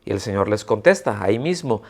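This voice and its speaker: A man's voice: lowish voice, animated, brisk, a little mellow. A man preaching a sermon to his congregation at a church service. He often puts rhetorical questions to his listeners and acts out the grumbling voices of complainers. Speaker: pastor. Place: church service streamed on video call.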